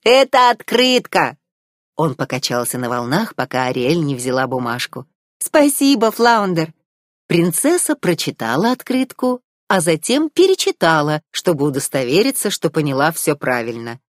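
Expressive woman reading a storybook. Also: low-pitched, moderate pace, hardly any pauses, dry recording, studio quality. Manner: expressive, rising and falling. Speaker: narrator.

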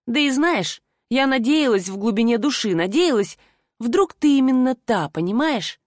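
A woman voicing a feisty, sharp-tongued young woman who fiercely defends her friend, in an audiobook. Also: on the high side, expressive, moderate pace, no room sound, clean studio sound, natural voice. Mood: frank. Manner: bold, brash. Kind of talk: audiobook character voice.

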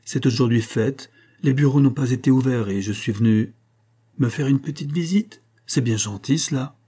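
Man doing a shy young guy, respectful, hesitates, soft husky voice. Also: medium pitch, moderate pace. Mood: hesitant. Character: timid, devoted young man.

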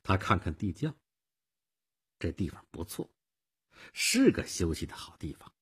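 A man narrating a story for radio in an expressive, acted-out style. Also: sits low, a little slow, slightly rough. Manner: expressive, acts out the scenes.

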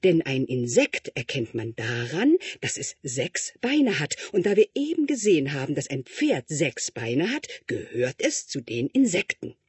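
A man voicing an anxious, fawning royal tutor who flatters and speaks slowly and high. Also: slightly rough, no room sound, heavily acted. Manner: obsequious, flattering, high and drawn-out.

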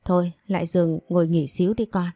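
A woman reading the lines of a gentle, caring middle-aged mother in a storybook narration, in a soothing manner. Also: lowish voice, little pitch movement, fast, dry recording. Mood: gentle concern.

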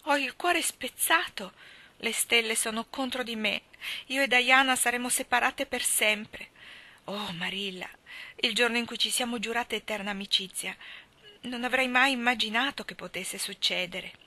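A dramatic, emotional orphan girl, as a woman reader puts her on, pouring out every feeling in a theatrical, impassioned way. Her voice has a bright, forward edge. It is a storybook reading. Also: medium pitch, a little fast. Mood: heartbroken.

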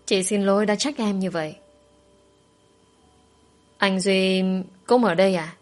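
A woman's voice: medium pitch, a little slow, lightly acted. A woman voicing a young half-sister who speaks in an overly friendly, put-on way. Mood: sugary.

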